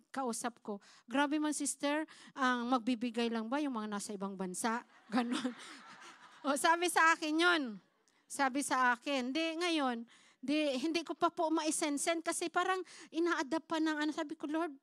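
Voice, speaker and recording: A woman's voice: sits high, a bit bright, no echo, studio quality. A woman pastor preaching a sermon as a personal testimony, acting out quoted dialogue and often calling the congregation brothers and sisters. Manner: addresses the congregation as "mga kapatid"; storytelling with acted-out quoted dialogue. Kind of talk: Tagalog sermon testimony, mixing in English. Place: church.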